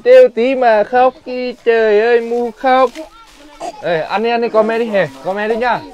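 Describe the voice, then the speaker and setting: A man's voice: very high voice, normal speed, darkish tone, smooth, lo-fi sound. A man with a Northern Vietnamese accent hosting a casual vlog outdoors in a village, chatting playfully and teasing as he talks to his viewers. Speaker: vlog host. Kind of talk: casual handheld vlog narration. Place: outdoors in a village among children. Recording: outdoors with a crowd of children behind.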